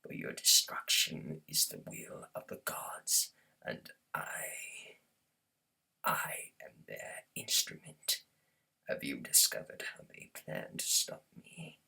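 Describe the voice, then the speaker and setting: A man voicing a thunderous, wrathful alien prophet from a video game, pompous and zealous, with a husky, gravelly, breathy voice and grand, solemn oratory. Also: very deep voice, lively intonation, slow, pushed and bright, in a whisper, recorded from a distance, heavily acted, poor audio. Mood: wrathful, menacing. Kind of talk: theatrical game villain impression, grand speeches.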